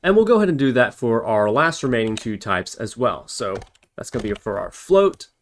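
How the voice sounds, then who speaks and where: A man walks through a casual, step-by-step programming tutorial, thinking aloud and correcting himself as he types. His mid-range voice is brisk with big pitch swings, over a noisy background of keyboard typing and clicks.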